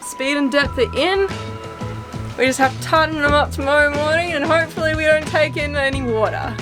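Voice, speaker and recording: A woman narrates a sailing vlog in a casual, matter-of-fact, upbeat way, her voice sitting a bit high. Clear music plays underneath her. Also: a little fast.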